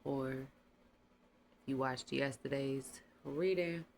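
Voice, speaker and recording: A tarot reader hosting a casual channel reading, talking in a relaxed, rambling, slangy way with a congested voice. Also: mid-range voice, slow, vocal fry, slight background noise.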